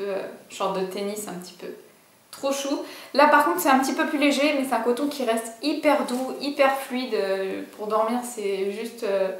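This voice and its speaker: A woman's voice: on the high side, reverberant. A young woman vlogger chatting casually through a clothing haul, bubbly and full of fillers and asides.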